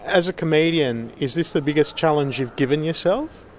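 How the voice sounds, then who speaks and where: A man interviewing a comedian on radio, asking measured, thoughtful questions. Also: fairly high pitch, slight background noise.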